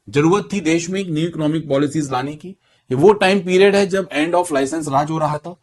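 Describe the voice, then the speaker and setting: Male teacher, fairly high voice; drills key points, quizzes the class. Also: a little mellow. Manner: repeats points and quizzes students; mixes English terms into Hindi. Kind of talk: exam-prep lecture.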